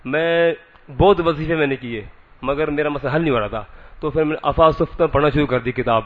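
A man from Sindh, telling his dreams in a halting, repetitive way with many restarts. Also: a little high. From Sindh, Pakistan. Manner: repetitive, stumbling, restarts phrases. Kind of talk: halting personal testimony. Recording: tinny lo-fi radio-like sound.

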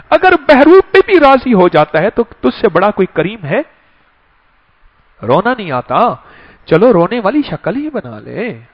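A man's voice: high-pitched, slightly rough. A man preaching an emotional sermon, repeating phrases and reciting verses. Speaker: religious speaker. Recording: dull lo-fi recording.

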